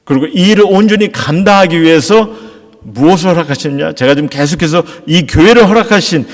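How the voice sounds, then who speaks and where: A man's voice: on the high side, a little fast. A middle-aged man preaching a sermon as a pastor, earnestly asking rhetorical questions of his congregation. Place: church sanctuary. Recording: long hall reverb.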